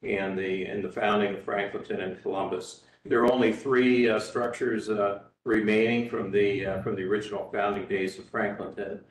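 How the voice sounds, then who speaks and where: Guy testifying at a hearing, kinda low voice, lots of uhs, sounds like a courtroom recording from a far mic. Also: level tone, reverberant. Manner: halting, with many filler sounds. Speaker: historical society president testifying. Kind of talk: public testimony at a review board hearing. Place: public hearing room.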